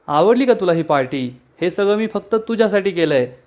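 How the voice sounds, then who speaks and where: Guy reading out a scheming woman hosting a party, own voice, a bit high. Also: animated, fairly quick. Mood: coaxing. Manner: reads her quoted lines in his own narrating voice.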